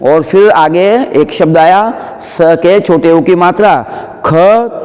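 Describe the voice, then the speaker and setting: A high-pitched man gives a slow, patient chanting lesson. He breaks each word into syllables and then sings it back long and drawn out. His voice trails off in a long, hall-like reverb. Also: darkish tone. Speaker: chanting teacher. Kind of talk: pronunciation lesson for a Sanskrit prayer.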